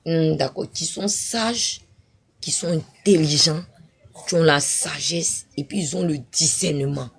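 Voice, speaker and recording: A woman's voice: low voice, fairly even intonation, unhurried, husky. A woman preaching her testimony on a live stream, fervent and repetitive, breaking into sudden cries. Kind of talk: impassioned spoken testimony.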